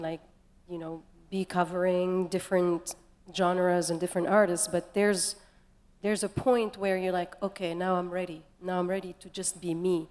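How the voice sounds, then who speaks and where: A woman's voice: mid-range voice, a little mellow. A woman from Tunisia, a singer answering interview questions in a reflective way, full of "like" and "you know". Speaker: singer and musician. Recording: long hall reverb.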